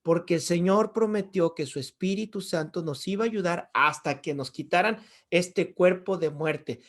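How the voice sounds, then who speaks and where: A man's voice: sits high, normal speed. Man teaching a Bible class. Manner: asks the class rhetorical questions and answers them. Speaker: theology teacher.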